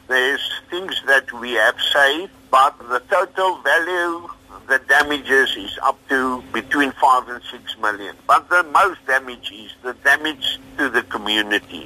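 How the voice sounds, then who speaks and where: Very sharp, forceful man. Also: mid-range voice, low-quality recording. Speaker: mayor. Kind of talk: spoken news soundbite.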